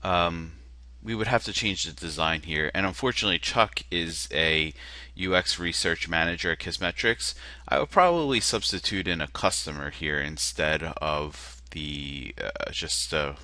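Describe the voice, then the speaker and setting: With a bright, pushed bass voice that is also nasal, a man walks casually through a web page on screen. He is a marketer critiquing a landing page, and he hesitates, runs himself down and leans on many fillers. There is no echo on the audio.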